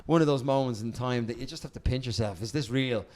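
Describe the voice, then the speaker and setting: A Dublin Irish man, a podcast guest, telling animated stories in casual chat, repeating words and swearing freely. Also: mid-range voice, quick pace. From Dublin, Ireland.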